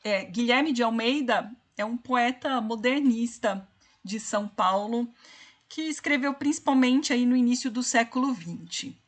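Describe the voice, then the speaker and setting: Woman literature teacher with a somewhat high voice, unhurried explanatory lecture. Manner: explains slowly, counts syllables aloud, addresses students directly. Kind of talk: online class lecture.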